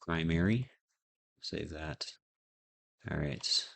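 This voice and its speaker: A man's voice: very deep voice, very slow, gravelly, a bit bright, no echo. A man narrating a casual live coding tutorial, thinking aloud and muttering as he types at a desk mic.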